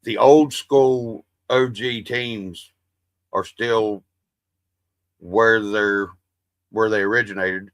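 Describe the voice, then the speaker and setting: In a dry recording, a man whose voice is on the low side and fairly bright hosts a livestream. He rambles through casual, profane chat with viewers and calls his own voice soothing.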